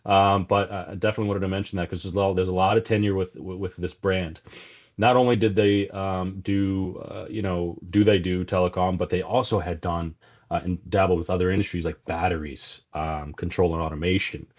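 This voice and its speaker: A man's voice: deep voice, steady tone, a little fast. A middle-aged man from South Africa with a South African accent and a slight Texas twang, talking as a guest in a casual business interview, with plenty of fillers and restarts. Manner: conversational, many fillers and restarts. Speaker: sales executive guest. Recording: dull lo-fi sound.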